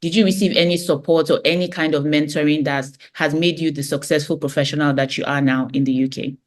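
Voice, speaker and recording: A woman's voice: deep voice, steady tone, quick pace. A woman hosting a webinar panel, conversational and encouraging as she passes questions to guests. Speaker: host.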